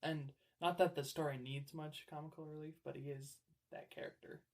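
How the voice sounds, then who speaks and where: Young male co-host, slightly higher pitch, gravelly, easygoing. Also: level tone, normal speed, a little mellow. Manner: easygoing, frequent short agreements. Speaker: podcast co-host. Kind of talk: casual podcast chat.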